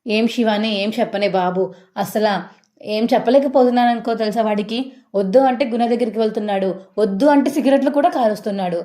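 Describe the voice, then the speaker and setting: A woman voicing a worried, gentle older mother in a retold TV serial, speaking plaintively. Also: a little high, fast talker, close to an everyday voice. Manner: anxious, plaintive.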